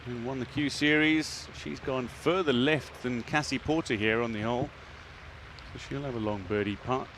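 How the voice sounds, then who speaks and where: A man's voice: mid-range voice, normal speed, noisy background. A man working as a golf commentator, giving live commentary on a tournament.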